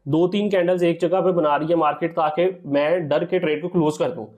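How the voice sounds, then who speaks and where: A man's voice: on the high side, fairly even intonation, brisk, a little mellow. A man, explaining a trading strategy over a screen recording, often checking in with "theek hai" and calling viewers "sir". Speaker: trading teacher.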